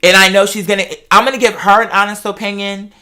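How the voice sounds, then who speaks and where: Quick and sharp, the delivery is flat and sits in a mid-range voice. It belongs to an American adult talk show host telling personal stories in a casual chat, stressing points emphatically by repeating phrases.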